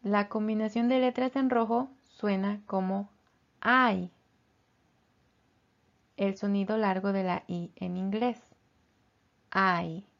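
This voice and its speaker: A woman teaching English pronunciation in a slow, careful lesson, repeating each word. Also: medium pitch, fairly even intonation, gravelly, muffled recording.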